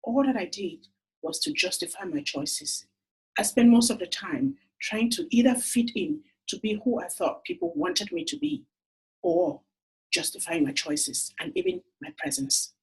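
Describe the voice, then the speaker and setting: A woman makes a heartfelt personal appeal straight to camera. Her voice is very husky and breathy, and her pitch swings widely as she tells her stories. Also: big pitch swings, a little slow, low-quality recording. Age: 40s. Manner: earnest, heartfelt storytelling. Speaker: entrepreneur making a funding appeal.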